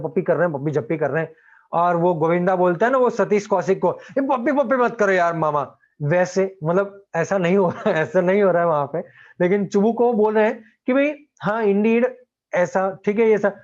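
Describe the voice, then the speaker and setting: A man's voice: high voice, darkish tone. An Indian man teaching a play, explaining it in Hindi and English and acting out the characters' lines. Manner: reads lines aloud slowly and acts out characters with laughs. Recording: dull lo-fi sound.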